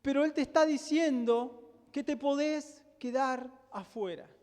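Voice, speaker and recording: A man's voice: extremely high pitch, unhurried, a little mellow. A male pastor with a Rioplatense Spanish accent preaching a sermon, emphatic and full of rhetorical questions to the congregation. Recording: long hall reverb.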